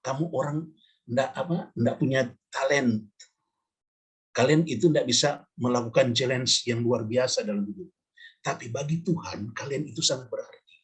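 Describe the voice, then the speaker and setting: A middle-aged man, a pastor, tells a personal story in a preaching podcast, animated and acting out the people in it. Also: mid-range voice, normal speed, husky.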